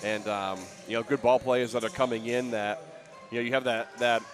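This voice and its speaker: A man who coaches at the college, joining the broadcast courtside as guest commentator, talking haltingly and repeating words. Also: medium pitch, fairly even intonation, rough recording. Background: music.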